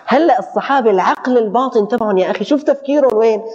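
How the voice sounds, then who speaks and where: A man giving a colloquial religious lesson, animated, often stumbling and repeating words for emphasis. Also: very high voice, rapid-fire. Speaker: religious teacher. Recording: dull audio with long hall reverb.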